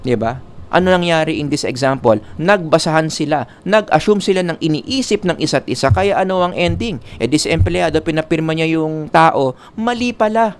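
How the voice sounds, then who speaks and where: A man's voice: on the high side, moderate pace, clear, resonant tone. A man giving a psychology lecture in a classroom style, mixing in English with jokes and asides.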